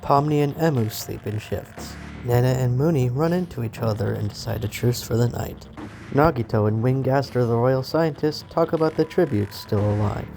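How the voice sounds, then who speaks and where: A man's voice: mid-range voice, normal speed, vocal fry, mellow. A man giving a hammy, theatrical dramatic reading as narrator of survival-game events. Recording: music under the voice. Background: background music.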